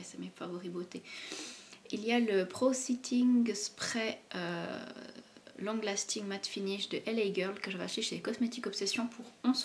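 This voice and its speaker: Young woman, beauty vlogger, casual chatty delivery, mid pitch, faint background hiss. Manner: chatty, hesitant with many fillers. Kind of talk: casual product review chat.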